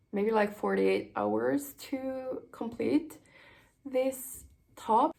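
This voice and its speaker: A young Finnish woman hosts a knitting podcast, chatting casually to camera in a relaxed, rambling way full of fillers and small laughs. Her voice is on the high side and creaky, still recovering from a cold.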